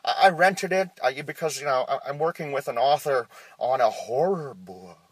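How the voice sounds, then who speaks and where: A man with a mid-range, slightly breathy voice plays a nervous, quirky male publisher leaving a phone voicemail, heard as voicemail playback in a dry recording. At a moderate pace he rambles hesitantly, stammering with plenty of uh's in an oddly deadpan way.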